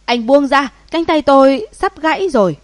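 A woman voicing a frightened young male thug who yells shrilly in an audiobook. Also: high-pitched, animated, normal speed, voice pushed up. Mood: screaming pain.

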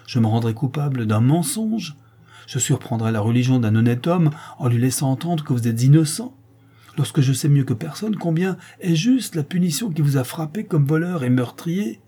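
A man's voice: medium pitch, normal speed, warm tone, breathy edge, lightly acted. A man voicing a hypocritical rich banker who speaks with threatening scorn. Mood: menacing.

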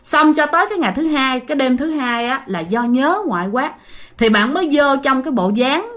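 A woman's voice: fairly high pitch, fairly bright tone. Chatty woman telling ghost stories. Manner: chatty, full of fillers, addresses listeners. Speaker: storyteller. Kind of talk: casual ghost story retelling.

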